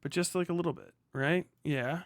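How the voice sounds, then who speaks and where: A livestream host chats casually and off the cuff, muttering to himself and swearing freely. His voice is a little high at a normal speed, captured in clean studio sound with no echo.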